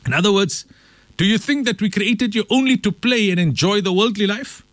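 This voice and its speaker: A high-pitched man teaches a Quran commentary class, quickly reciting Arabic verses and then explaining them in English with animated delivery. There is no echo.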